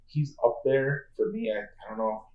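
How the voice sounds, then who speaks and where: A man co-hosting a casual game podcast, animated, now and then acting out gruff movie lines. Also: on the low side, moderate pace, muffled recording. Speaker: podcast co-host. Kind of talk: casual chat. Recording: echoey room.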